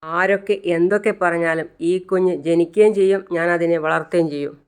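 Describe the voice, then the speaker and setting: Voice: mid-range voice, fairly even intonation, moderate pace, clean tone, close to an everyday voice. A narrator voicing a defiant young pregnant wife who stands up to her husband, in a retold TV serial.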